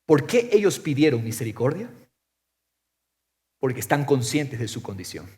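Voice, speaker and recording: A man preaching a sermon as pastor, firing off rhetorical questions and swinging from loud to soft. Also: medium pitch, sing-song, moderate pace. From Ecuador.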